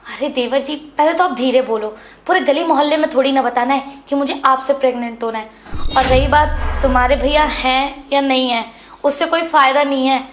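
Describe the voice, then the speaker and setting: High voiced young wife pleading and insisting, a woman acting her, roomy echo. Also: normal speed, slight background noise, natural voice. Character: frustrated young married woman, pleading sister-in-law. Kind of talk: Hindi web series dialogue. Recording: echoey room.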